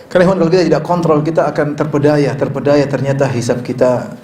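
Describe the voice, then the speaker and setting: A middle-aged male preacher giving a sermon with a slightly high voice. He talks casually and cracks jokes, then rises into forceful, emphatic appeals to his listeners. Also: fast talker, slight background noise. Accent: Indonesian. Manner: conversational, joking, swings to emphatic exhortation. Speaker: Islamic preacher. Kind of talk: sermon with humorous asides.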